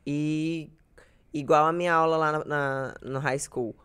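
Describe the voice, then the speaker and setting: A woman's voice: deep voice, steady tone, measured pace, a bit bright, clear, resonant tone. A young woman from Brazil, chatting casually as a podcast guest and telling self-deprecating stories. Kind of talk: casual chat.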